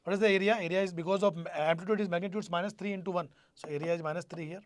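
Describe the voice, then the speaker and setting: A man's voice: sits high, steady tone, rapid-fire, slight background noise. A man with a North Indian accent teaching a live online exam-prep class, repeating himself and prompting students with questions. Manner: repetitive, question-prompting, addresses students directly.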